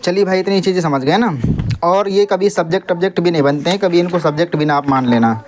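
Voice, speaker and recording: A man's voice: high voice, fast. A young man teaching English grammar in a classroom, asking the pupils questions and answering for them, and now and then telling them to stop making noise. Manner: scolds noisy pupils.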